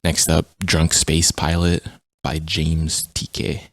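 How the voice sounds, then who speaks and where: A man's voice: a bass voice, monotone, slow pace, fairly bright tone. A man giving casual game review commentary, often stammering and repeating his words.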